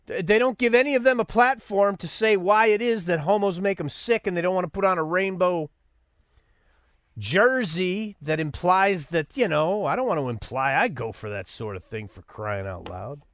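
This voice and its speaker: Man, podcast host, sarcastic commentary, stumbling restarts, high voice, dry sound. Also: lively intonation, normal speed, a bit bright, no echo. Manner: sarcastic, mocking; rambling with stammered restarts. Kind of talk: opinionated commentary monologue.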